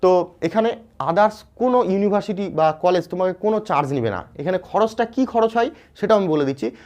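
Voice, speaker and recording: A man from West Bengal, India, with a Bengali accent gives students an informal explainer lesson, often restarting phrases, using frequent fillers, and repeating "ঠিক আছে?" to check they understand. His voice sits high, animated and a little fast, with a darkish tone.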